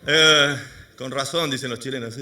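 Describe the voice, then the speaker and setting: A man's voice: medium pitch, fairly even intonation, moderate pace, sharp tone, distant mic. A man preaching a sermon to a church congregation, firing rhetorical questions at the people. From Argentina. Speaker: pastor. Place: church service before a congregation.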